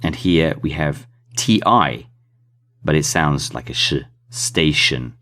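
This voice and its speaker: Slow and deliberate, a man with a bright, forceful bass voice leads an English phonics lesson. Each keyword gets careful emphasis as he spells letters and sounds out blends.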